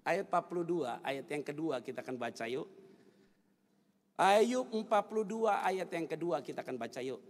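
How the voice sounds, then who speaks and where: High-voiced preacher man in echoing hall. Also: normal speed. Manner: animated storytelling, rising to loud emotional peaks. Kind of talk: sermon with personal story. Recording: long hall reverb.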